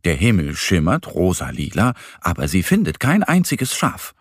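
A man narrating a children's bedtime story in a slow, gentle, expressive way. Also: deep voice, no room sound, studio quality.

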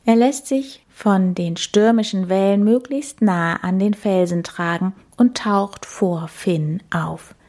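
A woman narrating a children's story in a soft, soothing, half-whispered voice. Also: mid-range voice, takes it slowly, few pauses.

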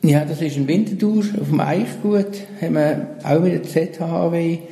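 A man with a Swiss German accent, a solar cooperative manager calmly explaining technical details in an interview. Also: a little high, moderate pace. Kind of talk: interview answers. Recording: roomy, reverberant room sound.

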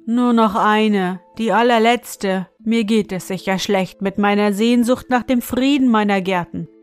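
A weary old fairy-tale king, sighing and longing for peace in his gardens, speaking slowly. A woman reads him in a storybook telling. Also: medium pitch, smooth, soft background music, natural voice.

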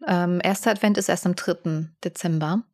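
A woman's voice: on the low side, steady tone, normal speed, a little mellow. A woman co-hosting a podcast in casual chat, teasing and playful, laughing often. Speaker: podcast co-host.

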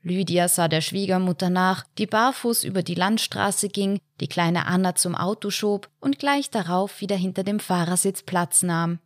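A woman narrating a short story in a measured storytelling way. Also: lowish voice, no echo, clean studio sound. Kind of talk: audiobook short story reading.

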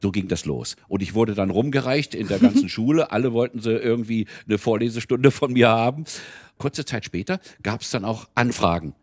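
A man's voice: fairly low pitch, normal speed. An older man, a retired volunteer reader for children, talking casually in an interview and slipping into character voices as he tells stories. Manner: animated storyteller, slips into character voices.

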